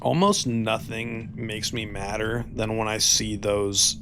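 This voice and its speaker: A man's voice: fairly low pitch, little pitch movement, takes it slowly, background noise. A man giving casual, wry gameplay commentary, ranting and swearing freely. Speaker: gaming YouTuber.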